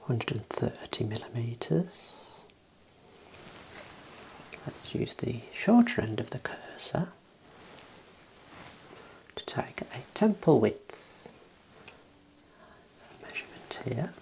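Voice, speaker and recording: The speaker is a man in his thirties doing optician-themed ASMR, softly whispering calm clinical directions that sound unhurried and reassuring. His mid-range voice is creaky, and the audio is poor. He's in a small indoor room with a clip-on wireless mic close on his lapel.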